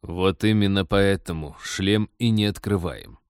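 Brief: narrator playing a self-assured big-brother pilot, deep and steady. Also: male voice, moderate pace, no echo, clean studio sound, natural voice. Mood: lecturing. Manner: lecturing, matter-of-fact. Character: confident preachy young male pilot, big brother.

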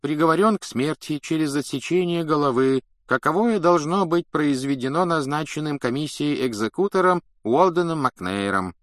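A man's voice: a little high, normal speed, no echo, studio quality, pitched above the performer's own voice. A man doing a droning pompous official. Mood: officious. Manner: monotone, officious reading. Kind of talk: audiobook reading.

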